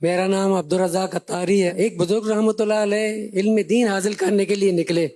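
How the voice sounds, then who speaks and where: Earnest high-voiced man telling a moral tale. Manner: steady, earnest narration. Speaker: studio guest. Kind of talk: moral storytelling.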